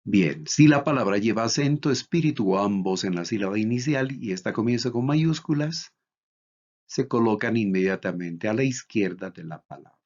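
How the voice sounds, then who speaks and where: Low-voiced guy from bolivia lecturing slow, muffled lo-fi sound. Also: animated, a little mellow. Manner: slow, deliberate, reads out examples. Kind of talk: recorded lecture on Greek accents. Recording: dull lo-fi recording.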